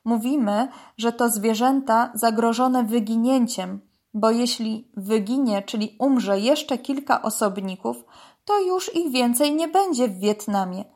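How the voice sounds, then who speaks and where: A woman voicing a stern male crocodile policeman who barks orders and then explains calmly. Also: mid-range voice, slow pace, few pauses. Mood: calm explaining. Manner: loud commanding, then calm explaining.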